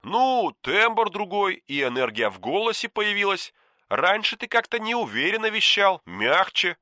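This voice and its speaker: A man's voice: high voice, big pitch swings, unhurried, pushed and bright, dry recording, clean studio sound, pitched above the performer's own voice, exaggerated voice. Anton, a man doing a cocky young guy. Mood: teasing. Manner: chatty, sly, easily offended. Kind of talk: audiobook character voice.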